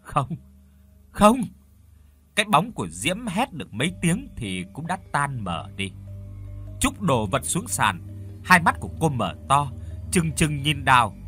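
A man narrating a horror audiobook with lively, swooping pitch and a bright, slightly husky voice. His delivery is dramatic and expressive, with soft music underneath. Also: a little slow.

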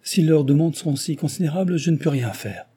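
Earnest young heiress, as a male reader puts her on, raised pitch, husky dark voice. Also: brisk. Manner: earnest, urgent, imploring.

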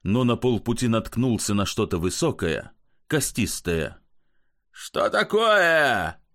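A man reads a story aloud as narrator, with an expressive telling. His pitch moves in a lively way through the sentences. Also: a little slow. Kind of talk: audiobook narration.

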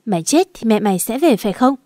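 A woman's voice: a little high, expressive, fast talker, mellow, no echo, clean studio sound, lightly acted. A woman reading an abusive angry father. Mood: harsh. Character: angry abusive father, man, middle-aged.

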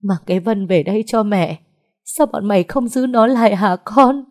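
A woman voicing a grieving elderly mother who sobs and pleads slowly in a high, strained voice. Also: a little mellow, close to an everyday voice. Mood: sobbing plea. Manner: sobbing, pleading, drawn-out.

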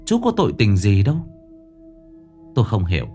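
A man narrating a ghost story in a dramatic, expressive reading. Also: fairly low pitch, brisk, faint music behind.

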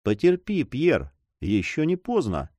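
A soft-spoken, dignified old governor, as a male narrator puts him on, patient and gently sad. He speaks quietly but with lively rises and falls in pitch. The recording is dry and close. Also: moderate pace, dry recording. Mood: calm. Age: older.

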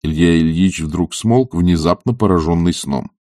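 A man reading an audiobook in a measured, expressive narration. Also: low-pitched, dry recording, clean studio sound. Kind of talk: scripted narration.

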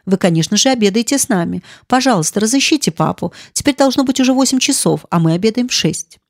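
An impulsive young gentlewoman speaks quickly and eagerly, as a woman reader puts her on. Her voice sits higher than the narration. The audiobook sound is dry and close. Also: lively intonation, no echo. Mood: offhand. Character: excitable young gentlewoman, a baronet's daughter.

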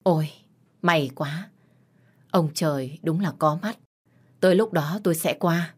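A woman voicing a long-suffering mother who pleads gently with her husband and scolds sharply. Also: low-pitched, unhurried, husky. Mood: gentle. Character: long-suffering mother, patient then defiant.

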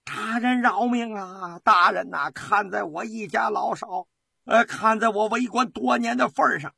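A man voicing a corrupt male official who stammers and pleads for mercy, in a husky, high, lively voice. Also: measured pace, no room sound, studio quality, full character voice. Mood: wailing.

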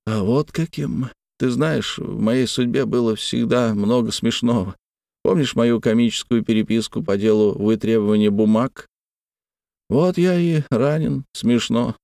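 A man reading as a gravely ill, wounded young man who speaks weakly, slowly and with irony. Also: mid-range voice, a little mellow, no room sound, clean studio sound, lightly acted. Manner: weak, slow, ironic.

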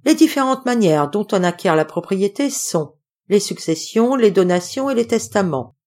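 Woman doing a hoarse young ape-man, sullen, reciting by rote. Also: mid-range voice, lively intonation, normal speed, warm tone, pitched above the performer's own voice, lightly acted. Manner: reciting like a memorized lesson.

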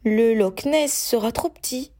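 A woman's voice: a little high, measured pace, mellow, pitched above the performer's own voice. A woman voicing a stubborn young witch who answers curtly and firmly. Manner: curt and firm.

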